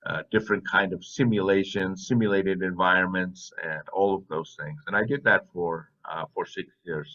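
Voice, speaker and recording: A man in his fifties, raised in Saudi Arabia, telling his life story as an interview guest in a relaxed, chatty way. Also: low-pitched, highs cut off. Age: 50s. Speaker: podcast guest. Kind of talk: casual interview chat.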